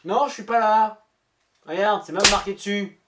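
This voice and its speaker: A woman's voice: mid-range voice, normal speed, heavy background noise. A woman YouTuber reading a scam chat aloud, switching between mock voices and sarcastic, casually sweary asides.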